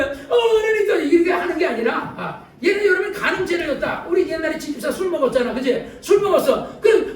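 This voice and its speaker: An older male pastor preaches in a very high, quick voice, shouting for emphasis and laughing between his points. The sound is echoey and roomy, picked up from a distance in a church hall. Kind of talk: sermon.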